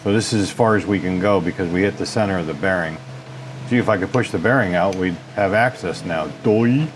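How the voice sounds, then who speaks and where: A man's voice: low voice, brisk, slight background noise. A man hosting a repair channel, casually demonstrating lathe work in his workshop and thinking aloud with folksy asides. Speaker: machine shop repair host.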